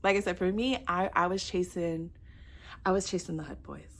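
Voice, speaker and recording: A woman's voice: on the low side, fairly even intonation, normal speed. A millennial woman from South Florida giving chatty, sassy dating advice straight to her viewers, calling them girl and babe. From South Florida, United States. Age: millennial, 30s. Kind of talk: casual direct-to-camera advice.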